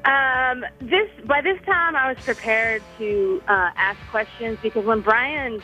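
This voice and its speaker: A woman's voice: fairly high pitch, measured pace, bright, forceful tone, faint music behind, rough recording. A woman guesting on a radio show, telling a story in a rambling way with many fillers and frequent laughs. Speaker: guest musician. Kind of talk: casual on-air interview.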